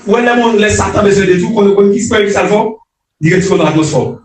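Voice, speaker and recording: A man preaching a sermon to young people, impassioned, repeating and restarting his phrases and shouting calls of alleluia. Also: high voice, brisk. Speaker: prophet preaching. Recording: echoey hall picked up from a distance.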